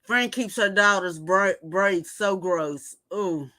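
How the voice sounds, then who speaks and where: A woman's voice: mid-range voice, slow pace, bright, forceful tone. A woman in her fifties hosting a casual livestream, gossiping and reading viewer comments aloud before reacting to them. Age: 50s. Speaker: livestream host. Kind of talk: casual chat.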